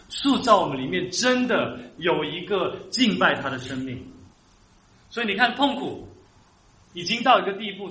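A man's voice: a little high, a bit bright, roomy sound, low-quality recording. A man preaching a sermon as pastor, earnest and rising to emphatic peaks.

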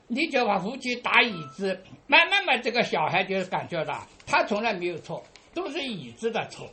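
A woman preaching a sermon to her congregation, padding phrases with drawn-out "ah" fillers and asking listeners rhetorical questions. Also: on the high side, a bit bright.

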